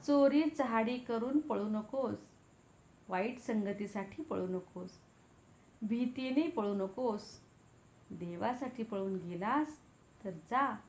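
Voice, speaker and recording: A woman voicing a tender, loving mother who speaks gently and earnestly to her son. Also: a little high. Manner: gentle, soothing, earnest counsel. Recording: roomy, dull-toned recording.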